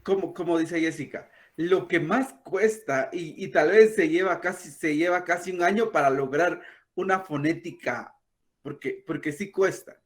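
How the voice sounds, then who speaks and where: A man, a language teacher patiently explaining and softly demonstrating throaty sounds. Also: on the high side, normal speed. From Guatemala. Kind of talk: explanatory talk.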